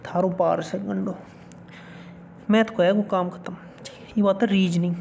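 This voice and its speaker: Guy giving blunt exam tips, warm mellow tone, faint hiss behind. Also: sits high. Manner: blunt, colloquial, keeps saying "bhai sahab". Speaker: exam coaching YouTuber. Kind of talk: casual exam-strategy advice.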